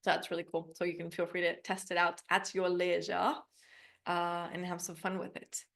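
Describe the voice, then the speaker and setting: A woman's voice: fairly low pitch, monotone, normal speed, creaky, a bit bright. A woman teaches an online class in an informal, upbeat, chatty way. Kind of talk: casual live software demo. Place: online video class with screen share.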